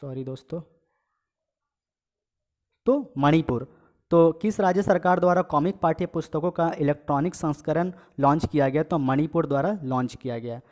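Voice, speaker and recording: Higher-pitched male tutor quizzing viewers. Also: moderate pace, a little mellow. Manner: reads questions and options aloud, then gives the answer; repeats each question and adds filler checks like "okay". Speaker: exam coaching teacher. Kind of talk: casual quiz lesson.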